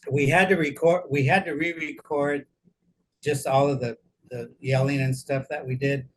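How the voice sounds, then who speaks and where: A man in his seventies, a band member guest, calmly explaining a memory. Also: mid-range voice, moderate pace, poor audio. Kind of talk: reminiscing interview chat.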